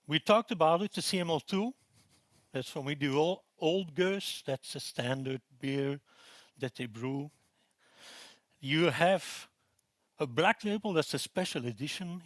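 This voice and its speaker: A Belgian man in his forties presents at a technical conference in a dry recording with no room echo. His voice is somewhat high for a man, and he speaks a little slowly and relaxed, with frequent ums and restarts.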